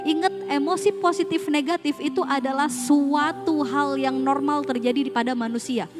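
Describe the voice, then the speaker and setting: A woman's voice: high-pitched, steady tone, normal speed, loud music behind the voice. A woman on a school's staff giving a casual parenting seminar, speaking straight to parents and asking them rhetorical questions. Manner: conversational, mixes casual slang. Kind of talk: parenting seminar talk with slides.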